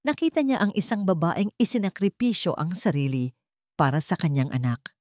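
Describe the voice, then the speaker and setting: Recorded close and dry with no echo, a woman with a somewhat low, darkish voice narrates an audio drama like a scripted storyteller. Her reading is solemn, suspenseful and full of feeling, with a sing-song lilt and a fairly quick pace.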